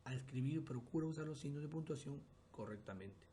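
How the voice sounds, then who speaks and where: Mellow-voiced man giving a lecture. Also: on the high side, a little fast, a little hiss or hum. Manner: explanatory, repeats and restarts phrases. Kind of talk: recorded class lecture.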